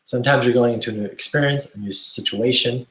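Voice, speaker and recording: A man's voice: medium pitch, fast talker, bright, forceful tone, slight background noise. A man coaching a webinar audience on mindset, enthusiastic and often checking in with "right?". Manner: enthusiastic, keeps asking "right?". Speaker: self-help coach. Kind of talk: webinar teaching talk. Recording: roomy echo.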